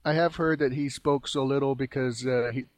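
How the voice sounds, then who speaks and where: A man's voice: medium pitch, fairly even intonation, normal speed, dry recording. A man co-hosting a podcast, telling things loosely in casual chat with many fillers. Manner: loose, filler-heavy storytelling. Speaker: podcast co-host.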